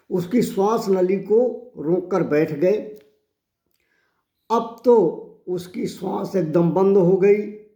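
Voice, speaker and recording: A male devotional storyteller narrates slowly and reverently in a high, mellow voice. His voice rings with a roomy echo.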